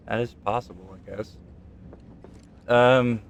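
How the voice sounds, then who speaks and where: A man's voice: mid-range voice, fairly even intonation, takes it slowly. A man doing casual gameplay commentary in a rambling, jokey and crude way. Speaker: gaming video creator. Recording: noticeable background noise.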